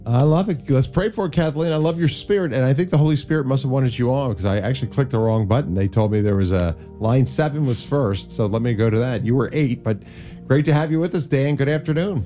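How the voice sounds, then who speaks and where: A man with a smooth radio host delivery, hosting a call-in prayer show and leading callers through a call-and-response prayer. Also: medium pitch, quick pace, warm tone, soft background music.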